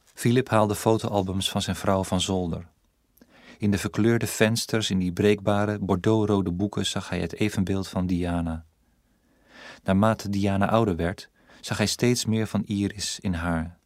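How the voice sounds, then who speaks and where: A man reading a literary story aloud as narrator, in a measured, even storytelling manner. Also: low-pitched, dry recording, clean studio sound. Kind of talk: audiobook narration.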